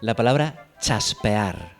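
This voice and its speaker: A man's voice: on the low side, lively intonation, slow, gravelly. Jokey male host with music behind. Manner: jokey, laughs often, stretches words. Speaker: radio show host. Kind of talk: playful quiz-style chat.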